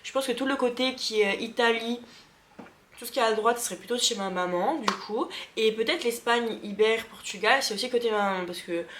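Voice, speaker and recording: Chatty excitable woman in a roomy space. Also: fairly high pitch, a little fast, background noise. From Lorraine, France. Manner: chatty and excitable, thinks aloud with many fillers. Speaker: vlogger. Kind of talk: casual vlog reacting to results.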